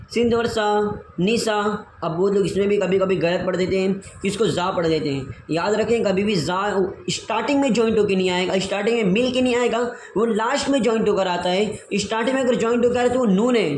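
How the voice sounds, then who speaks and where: A man teaching Quran reading, spelling out letters in a slow, patient, repetitive lesson. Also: sits high. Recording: echoey room with faint hiss.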